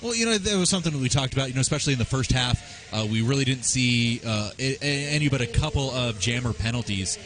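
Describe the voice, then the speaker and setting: A man giving chatty, energetic live roller derby commentary, with many fillers and restarts. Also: medium pitch, fast talker, few pauses, over music. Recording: live arena crowd behind. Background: arena crowd.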